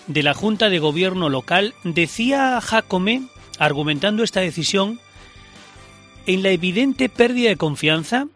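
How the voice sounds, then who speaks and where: A man's voice: a little high, a bit bright, no room sound. A man presenting live radio news from a studio, delivering with emphasis and the odd filler. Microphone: studio microphone.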